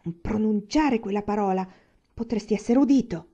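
A jittery, good-humoured young man, read by a woman narrator in a storybook, rushing his words and fretting. The voice is mellow and warm, on a dull, lo-fi recording. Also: medium pitch, husky. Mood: nervous. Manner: hurried, fretful. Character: nervous jovial young man, easily flustered.

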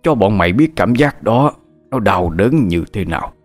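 A man's voice: fairly low pitch, lively intonation, normal speed, soft background music. A man voicing a vengeful dog spirit that has possessed an old husband, hissing threats. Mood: menacing. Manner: menacing, hissing threats through teeth.

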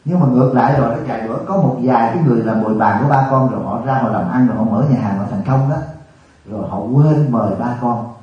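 A man, a Buddhist monk teacher from Vietnam, giving a colloquial, animated sermon full of rhetorical questions. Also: medium pitch, fast. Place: retreat hall. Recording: distant, echoey, dull room recording.

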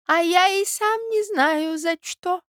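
A woman's voice: very high-pitched, takes it slowly, fairly bright tone, dry recording, studio quality, voice pushed up, exaggerated voice. A woman voicing a weak, lovestruck old prince who babbles breathlessly and stammers. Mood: whimpering.

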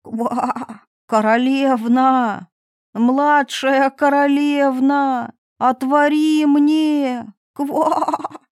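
A small, stubborn frog pleads in slow, stretched-out phrases and croaks between them, as a woman reads him aloud. The voice sits a little higher and louder than her narration, close and dry. It is a storybook telling. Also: fairly even intonation, dry recording, full character voice. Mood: pleading. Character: fussy pleading male frog, small and persistent.

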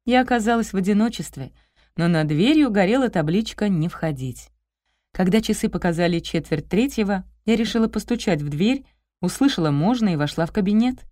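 A woman's voice: mid-range voice, lively intonation, fairly quick, a little mellow, dry recording, studio quality. Woman narrating a light detective audiobook. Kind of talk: first-person audiobook narration.

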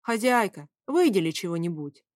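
A fussy, wheedling manservant, voiced by a woman narrator in a storybook reading. He speaks a little higher than the narration, with a pleading whine. The sound is dry and close to the mic. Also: very animated, normal speed, no room sound.

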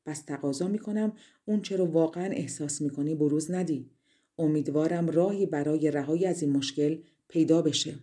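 A woman's voice: lowish voice, mellow, natural voice. A woman voicing a powerful female fairy who guards a princess, stern and warning. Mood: hushed urgent.

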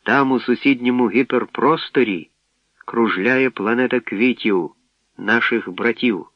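Чоловік грає спокійного корабельного робота з повільною, розміреною мовою, приглушений сухий звук. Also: male voice, medium pitch, measured pace, no room sound, lightly acted. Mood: calm. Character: ship's commanding robot, male, calm. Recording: dull, dry lo-fi recording.

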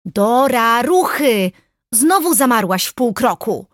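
A woman's voice: mid-range voice, animated, normal speed, slightly rough, no room sound, studio quality. A woman reading an audiobook, voicing a bubbly, pushy young woman friend who chatters on. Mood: impatient. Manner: chirpy, chattering.

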